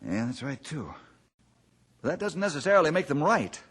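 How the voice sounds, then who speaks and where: A man acting a confident, brave ranger leader in an old-time radio adventure, measured and reassuring as he takes charge. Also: a little high, sing-song, fairly bright tone, husky, full character voice. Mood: calm, thoughtful.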